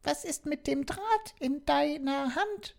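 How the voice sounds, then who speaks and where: A man's voice: takes it slowly, creaky, darkish tone, heavily acted. A man voicing a small, cheerful talking doll who is a girl robot, in a children's story. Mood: curious. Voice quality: very high, squeaky.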